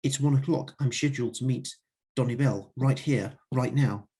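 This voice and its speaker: Flustered middle-aged author, stammering and indignant, husky voice, as a man plays him. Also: medium pitch, moderate pace, mellow.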